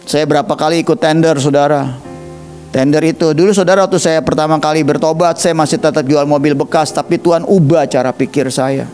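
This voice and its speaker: A man's voice: on the high side, fairly quick, soft background music. A man with an Indonesian accent preaching a sermon, telling stories animatedly and acting out quoted voices. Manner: animated storytelling, acts out quoted voices, addresses listeners as 'saudara'. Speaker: evangelist preacher.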